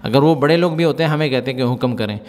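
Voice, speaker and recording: A man teaching Gulf Arabic vocabulary in Urdu, repeating each word slowly for practice. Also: fairly high pitch, long reverb tail. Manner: repeats words slowly for drill.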